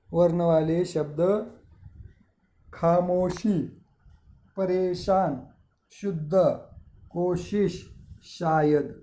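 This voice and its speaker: A male schoolteacher records a grammar lesson for his pupils, reading words out one at a time and explaining each point with care. His voice sits a little high for a man, yet it sounds mellow, and he talks very slowly. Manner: slow, deliberate word-by-word reading with explanations. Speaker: school teacher. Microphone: screen recording with device mic.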